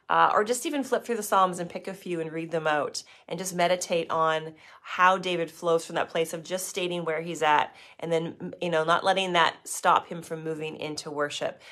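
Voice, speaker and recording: A middle-aged woman pastor giving a gentle, reflective devotional talk and reading scripture aloud, with many fillers and restarts. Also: fairly low pitch.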